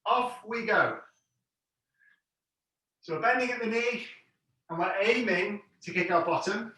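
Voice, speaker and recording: A man's voice: sits high, a little slow, pushed and bright. A man instructing an exercise class, giving encouraging, plain step-by-step cues and counts. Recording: very echoey room, distant mic.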